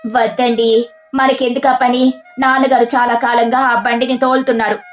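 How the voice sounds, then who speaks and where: A woman's voice: fairly high pitch, level tone, normal speed, soft background music, close to an everyday voice. A woman voicing a sensible young village wife who urges caution in a storybook cartoon. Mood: calm. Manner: cautious, pleading.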